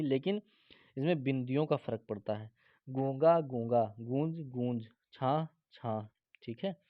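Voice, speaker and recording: A male teacher works through spelling drills, saying each word twice and asking his students if they follow. The recording is dull and dry, with no room echo. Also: mid-range voice. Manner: reads word pairs aloud, repeats each, adds "ठीक है?". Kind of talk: spelling lesson for exam students.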